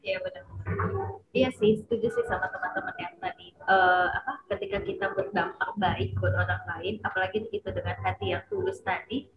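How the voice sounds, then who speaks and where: A woman's voice: medium pitch, fairly even intonation, fairly quick. A woman hosting a casual group chat, prompting others with encouraging questions. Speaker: discussion host. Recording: roomy, dull, noisy.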